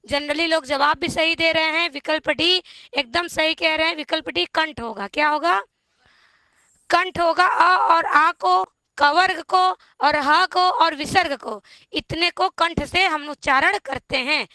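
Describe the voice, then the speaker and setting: A woman teacher with a very high, bright voice works through exam questions at an unhurried pace. She repeats each option and keeps asking viewers for the answer. The sound is close and dry. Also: dry recording. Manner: slow, repetitive quizzing of viewers. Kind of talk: exam-prep lesson on Hindi grammar.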